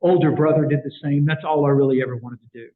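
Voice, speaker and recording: Fast-talking man, echoey tinny recording. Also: fairly high pitch. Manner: animated storyteller with frequent fillers and restarts. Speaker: guest speaker for a sports outreach ministry. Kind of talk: storytelling speech to a club. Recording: echoey room, tinny phone-like sound.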